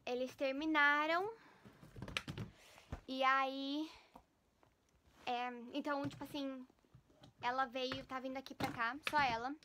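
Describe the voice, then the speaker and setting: A woman's voice: sits high, background noise. A young woman vlogging casually at home, rambling with many fillers and sometimes slipping into baby talk for her cat. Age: young adult. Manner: chatty, rambling, full of fillers. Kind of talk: casual vlog chat. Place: at home, first kitchen then living room.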